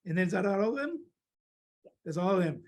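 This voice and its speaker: A woman reading a children's story aloud and drawing along, lively and laughing, jumping into small character voices. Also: lowish voice, normal speed. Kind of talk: storytime read-aloud for kids.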